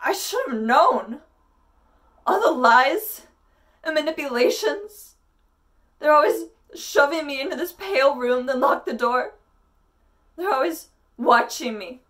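A young woman performs a desperate, paranoid asylum inmate in a dramatic monologue. Her voice is high, with halting, intense pleas, heard at some distance from the microphone. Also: fairly bright tone. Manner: halting, intense, pleading delivery. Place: indoors against a plain wall. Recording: voice distant from the mic.

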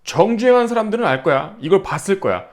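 A man's voice: high voice, animated, fast talker. A man in his thirties talking casually to camera, brash and profane, acting out the people in his stories. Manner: brash, profane, acts out quotes. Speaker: vlogger. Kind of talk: casual storytelling monologue.

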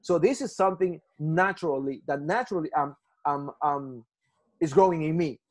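A man's voice: on the high side, moderate pace. A man from Ecuador with a Spanish accent, teaching a Bible class on a video call, earnest and full of restarts. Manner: earnest, repetitive, frequent restarts and "right?" checks.

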